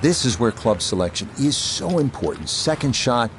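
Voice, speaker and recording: A man giving measured, understated play-by-play as a golf commentator. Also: medium pitch, big pitch swings, noisy background.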